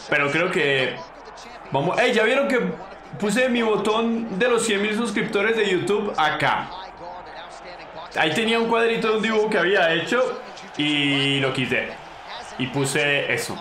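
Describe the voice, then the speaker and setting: A young Colombian man commenting casually on his own fighting game, slangy and excitable, taunting his opponent and yelping at big moments. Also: a little high, echoey room. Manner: excitable, slangy, talks to the opponent, bursts into yelps. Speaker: gaming channel host.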